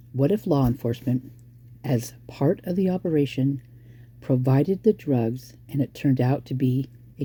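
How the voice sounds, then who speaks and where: A true crime commentator with a hoarse, dark, medium-pitched voice casually thinks out loud about the case. Sudden ideas make them burst into exclamations.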